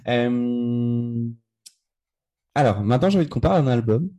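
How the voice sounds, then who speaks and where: A man's voice: mid-range voice, animated, unhurried, dark tone. A man co-hosting a casual music podcast, enthusiastic and rambling with frequent restarts. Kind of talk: casual chat.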